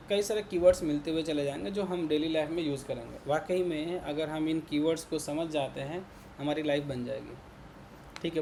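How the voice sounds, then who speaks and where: A man with an Indian Hindi accent teaches a room of students, speaking in a fairly high voice. He repeats himself often and keeps asking whether everyone follows. A faint hiss sits under the recording. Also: warm tone. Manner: repetitive, checks in with "ठीक है ना" constantly. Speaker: programming teacher. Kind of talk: classroom lecture. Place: classroom with students.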